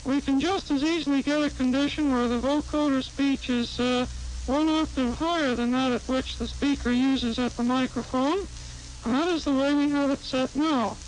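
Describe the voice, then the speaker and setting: A man giving a formal technical demonstration, his speech passed through a vocoder, talking in a measured, precise way. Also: very high voice, steady tone, vocal fry, slight background noise, low-quality recording. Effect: vocoder-processed voice. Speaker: engineer demonstrating a speech device.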